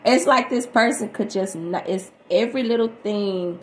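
A woman giving a chatty, animated tarot reading to her viewers. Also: mid-range voice, normal speed. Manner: animated, chatty, sings snatches of songs. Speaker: tarot reader. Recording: echoey room, faint background noise.

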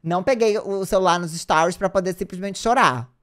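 A Brazilian host reacting casually and animatedly on a live stream, answering the chat. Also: male voice, high-pitched, brisk, fairly bright tone.

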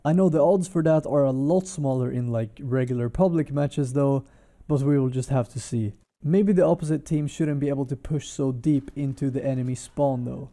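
A man with a deeply dark, mellow voice gives a calm, measured breakdown of game maps. He sounds tired, talking late at night in a hotel room, at a middle pitch. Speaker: gaming content creator. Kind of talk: game commentary voice-over.

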